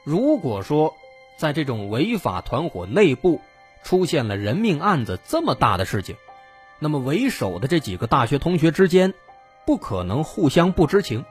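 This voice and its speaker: A man's voice: a little high, sing-song, moderate pace, soft background music. A man narrating true crime as a dramatic storyteller, building suspense with questions.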